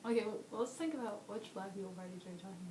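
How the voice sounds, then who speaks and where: Soft-spoken young woman, echoey noisy room. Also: mid-range voice. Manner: soft-spoken, quick interjections, laughs along. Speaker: co-host. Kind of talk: casual chat.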